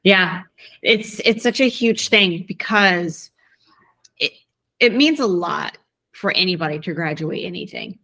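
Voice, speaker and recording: A woman's voice: lowish voice, lively intonation, measured pace, bright, forceful tone. A woman hosting a casual interview, supportive and giving short replies. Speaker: interview host.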